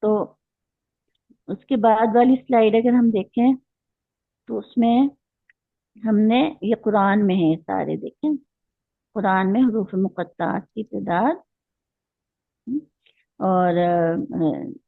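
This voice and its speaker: A woman's voice: mid-range voice, slow pace, vocal fry, pauses often, dry recording. A woman teaching a Quran recitation class, patiently explaining rules step by step and asking her students questions. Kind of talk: online class lecture. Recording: tinny phone-like line.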